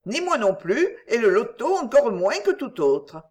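A woman's voice: fairly high pitch, very animated, a little slow, a little mellow. A woman voicing a playful young woman who chatters and teases. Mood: teasing. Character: teasing, lively young woman.

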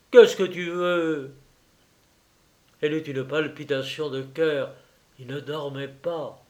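Slow, deliberate male storyteller. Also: a little high. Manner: slow, deliberate dramatic reading. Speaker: narrator. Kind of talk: storybook reading.

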